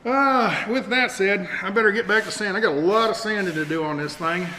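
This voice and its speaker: A man's voice: sits high, fairly quick, bright, forceful tone. A middle-aged man giving a casual, rambling, self-deprecating hands-on show-and-tell in a folksy way, as host of a do-it-yourself vlog. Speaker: host of a DIY build vlog. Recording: echoey room, faint noise, camera mic.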